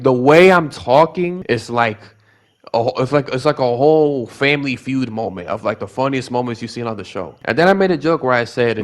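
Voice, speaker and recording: In a casual vlog, a young man from the Bronx, whose first language is Spanish and who has a Bronx New York accent, tells a rambling, animated story riddled with restarts and repeated words. His voice is medium-pitched.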